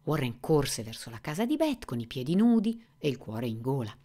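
A woman reading a novel aloud with an expressive, dramatic delivery. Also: rumbling low, normal speed. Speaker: reader.

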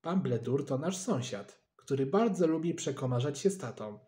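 A man reading a children's storybook aloud in a lively, expressive way, narrating in a child's first person. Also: medium pitch, normal speed.

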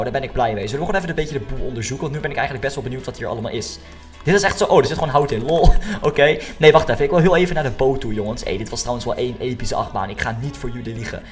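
Young male gaming YouTuber, excitable, mid-range voice, talks straight to viewers with English slang, music underneath. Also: medium pitch. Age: young adult. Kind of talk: excited Minecraft gameplay commentary.

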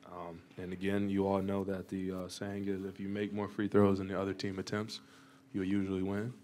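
A young college basketball player answers questions at a postgame press conference, confident and playful, talking in long runs into a table mic in front of him. His low voice is monotone and mellow at normal speed, set in a room with a sponsor backdrop and a little hiss or hum.

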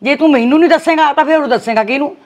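A woman plays a worried middle-aged village aunt with a Malwai Punjabi accent. Her voice is high, and she coaxes and insists, calling him "son" again and again. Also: very fast, a little mellow. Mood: coaxing. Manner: coaxing, insistent, repeating "son". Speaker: paternal aunt. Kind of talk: web series acting.

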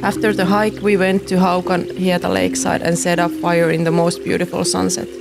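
A woman's voice: lowish voice, level tone, fairly quick, creaky. A woman in her thirties narrating a travel vlog about a camping and hiking trip, in a playful, joking manner. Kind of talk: travel vlog voice-over and on-camera chat. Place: outdoors in a forest. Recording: music playing under the voice. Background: background music.

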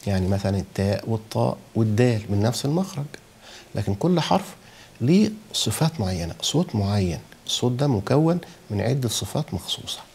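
A Quran recitation teacher with an Egyptian Arabic accent explains a lesson on letter sounds, often checking that listeners are following and pronouncing the sounds aloud as examples. His voice is lowish and sing-song, gravelly, slightly rough yet a little mellow, and he speaks quickly.

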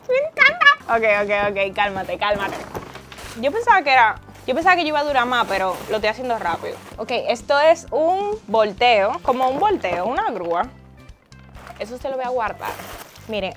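A woman, chatting casually in a vlog as a mother. She gushes and squeals over cute things and drops English words into her speech. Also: fairly high pitch. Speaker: mother unboxing birthday gifts.

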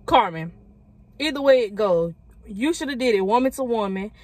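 A woman's voice: a little high, lively intonation, normal speed, darkish tone. A woman co-hosting a reaction video, giving blunt, opinionated casual commentary.

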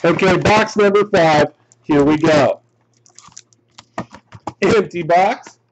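Man, high lively voice, slow drawn-out delivery, excitable card break host, faint background noise. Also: rough recording. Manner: excitable, laughing, exclamatory. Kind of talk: live card break commentary.

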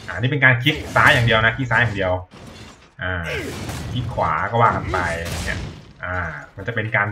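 A man's voice: lowish voice, pushed and bright, slight background noise. A man giving casual, rambling gameplay commentary as a tutorial streamer, thinking aloud and swearing now and then.

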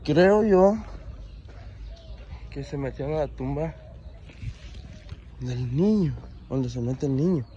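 A man's voice: on the high side, expressive, takes it slowly, long pauses, dark tone, muffled recording, a little hiss or hum. A young man vlogging outdoors on his phone, rambling in slang and sounding half asleep. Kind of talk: casual vlog. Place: outdoors at a cemetery. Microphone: handheld phone camera.

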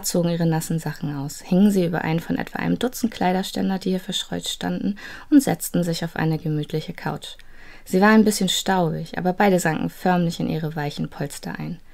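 A woman narrating a children's advent story in a calm, measured reading voice. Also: fairly low pitch, gravelly.

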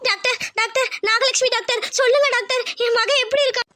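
A woman voicing a grieving village mother in a cartoon, begging and wailing, with a pitched-up voice. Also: steady tone, quick pace, pushed and bright.

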